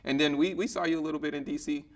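A man in his thirties hosting a podcast interview, chatty and relaxed, laughing easily as he asks questions. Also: on the high side, racing. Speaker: podcast host. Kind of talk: casual interview. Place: living room set.

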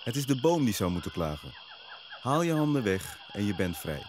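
Man playing wise old guru, stern and measured, low voice with lively pitch, crickets and frogs behind. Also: noisy background. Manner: measured, lecturing. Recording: nature ambience with crickets and frogs.

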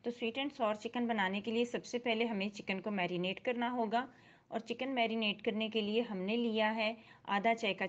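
A woman hosting a cooking channel, talking calmly through a recipe step by step in a voice-over. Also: mid-range voice, dull audio. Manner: calm step-by-step instruction. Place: voice-over, not recorded in the pictured kitchen.

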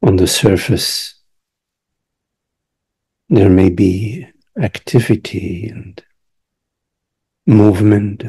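A deep-voiced, husky man teaches a guided meditation at a very slow pace. He stays hushed and unhurried, leaving long pauses between short phrases.

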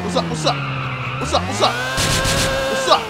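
Hyped guy with yelling at his game, real high voice, bouncy delivery. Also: normal speed, loud music behind the voice. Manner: loud, excitable, talks to the screen. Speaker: gameplay streamer. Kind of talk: joking gameplay commentary. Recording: loud game sound behind.

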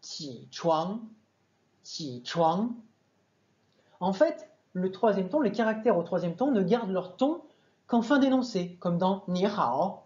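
Woman teacher going through pronunciation step by step, soft dark voice, bit of a dull lo-fi sound. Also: mid-range voice, expressive, moderate pace. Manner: patient, demonstrates sounds aloud with small self-corrections. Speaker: Chinese language teacher. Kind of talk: explanatory language lesson.

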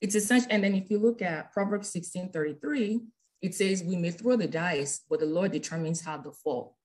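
A woman's voice: on the low side, brisk, darkish tone. Chatty woman leading a bible study. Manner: chatty, ends phrases with "right?". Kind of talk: casual bible teaching on a group call. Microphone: group call.

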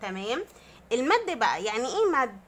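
A primary school teacher with an Egyptian Arabic accent teaches young children a grammar lesson, patiently explaining, answering her own questions, and drawing out vowels to show long sounds. Her voice is a little high, very animated, and fairly quick.

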